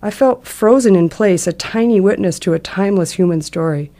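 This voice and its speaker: A middle-aged woman reads a scripted personal account in a measured, reflective public radio manner. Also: medium pitch, dark tone. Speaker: essayist reading a personal travel account.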